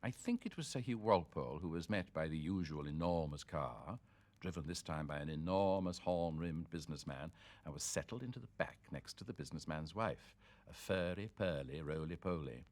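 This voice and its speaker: Deep-voiced Welsh man reading theatrically. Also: expressive, moderate pace, darkish tone. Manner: rolling, theatrical, sharply varied emphasis. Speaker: reader of poetry and prose. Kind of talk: dramatic literary reading. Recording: 1972 vinyl spoken-word record.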